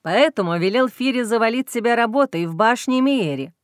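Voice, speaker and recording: A woman voicing a young male werewolf alpha, intense and tender, in a lowered, hushed voice for an audiobook. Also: animated, brisk, no echo, clean studio sound, close to an everyday voice. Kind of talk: audiobook reading.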